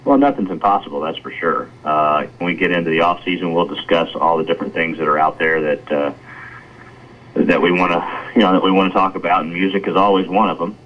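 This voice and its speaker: Man, American accent, extremely low voice, informal interview talk, dull band-limited recording. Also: fast talker. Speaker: marketing staffer being interviewed.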